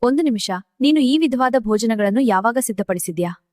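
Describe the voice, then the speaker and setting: A woman's voice: a little high, animated, normal speed, darkish tone, no echo, clean studio sound, lightly acted. A synthetic woman's voice playing a mother and older sister in an AI-generated horror drama, often calling out anxiously. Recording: faint music behind.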